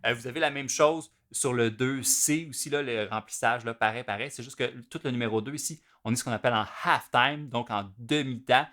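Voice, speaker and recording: A man's voice: mid-range voice, brisk, hardly any pauses, a bit bright. A man with a Québécois French accent, a drum teacher explaining rhythms step by step and counting the beats aloud. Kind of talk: instructional video explanation.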